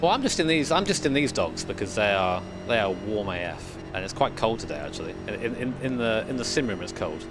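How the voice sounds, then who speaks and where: A man's voice: lowish voice, big pitch swings, fairly quick, few pauses, music in the background. A man chatting casually on a livestream headset mic while sim racing indoors, rambling and swearing now and then. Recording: loud car engine noise behind.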